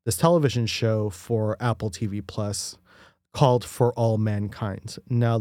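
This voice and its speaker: A man's voice: medium pitch, a little mellow, dry recording. An upbeat man co-hosts a casual space news show. He sounds enthusiastic and easygoing, and his voice is recorded dry and close with almost no room sound. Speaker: podcast co-host.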